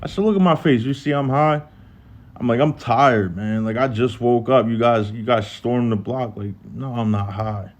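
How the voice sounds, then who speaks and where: A man with a Philadelphia accent telling a prison story on a live stream, casual and profane, acting out other people's lines in a higher voice. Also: steady tone, moderate pace.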